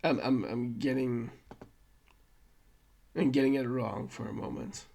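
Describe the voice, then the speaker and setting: A man with a mellow, mid-range voice and some vocal fry speaks unhurriedly with fairly even intonation as he hosts a podcast. He goes over a film in a casual, meandering way, often correcting himself and stammering as he starts over.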